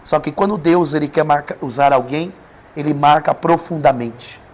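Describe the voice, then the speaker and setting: At a normal speed and a slightly high pitch, a Brazilian man recounts his personal testimony as a guest on a podcast. The preacher's Brazilian Portuguese accent colors an earnest, emotional account that grows more emphatic and intense.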